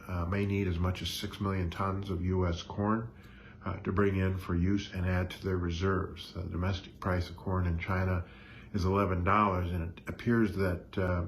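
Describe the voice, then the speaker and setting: Male market commentator, deep voice, hesitant stop-and-start delivery, some background noise. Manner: halting, hesitant delivery with frequent pauses.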